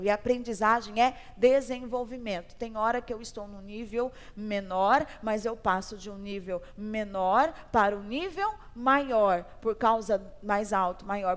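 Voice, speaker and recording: In a church hall with long reverb, a woman pastor teaches a Sunday school Bible class conversationally, asking the class questions and repeating her phrases. Her voice is fairly high.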